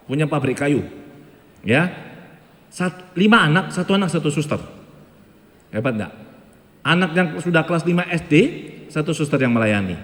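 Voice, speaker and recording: A man with an Indonesian accent, moderating a parenting talk with lively, joking anecdotes. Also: on the high side. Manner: lively, joking, animated storytelling. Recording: hall reverb.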